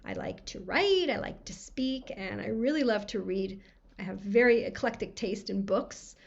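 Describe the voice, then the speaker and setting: American woman with a scratchy, gravelly voice. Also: mid-range voice, lo-fi sound. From USA. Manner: friendly and quick-talking. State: scratchy voice from a cold. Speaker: conference speaker. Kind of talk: recorded conference talk. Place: home room lined with books.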